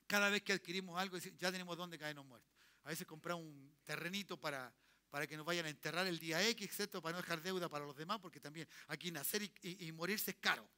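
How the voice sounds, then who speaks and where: A man's voice: on the high side, fast, bright, forceful tone. A man with a Chilean accent preaching a sermon in church, checking in with his congregation and leading them in call-and-response. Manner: leads call-and-response, tells listeners to repeat. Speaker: pastor.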